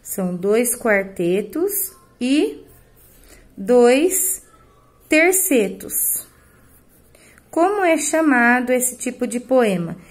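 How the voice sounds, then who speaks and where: A woman teacher with a Brazilian Portuguese accent explains answers to her class at an unhurried pace. Her voice sits a little high, and she counts out syllables one by one. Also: big pitch swings. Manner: slow, careful, counting syllables aloud. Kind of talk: recorded remote lesson correcting homework.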